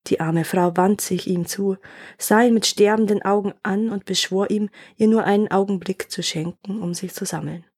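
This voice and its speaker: A woman storyteller hosting a podcast, reading an old fairy tale aloud in a calm, measured way. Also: mid-range voice, breathy edge.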